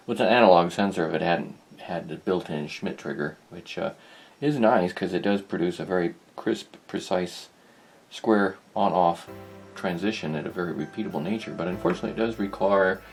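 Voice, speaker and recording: Musing his way through a workshop project, a man who hosts a hobby electronics restoration video rambles and hesitates as he thinks aloud. He has a low-sitting, dark-toned voice with vocal fry.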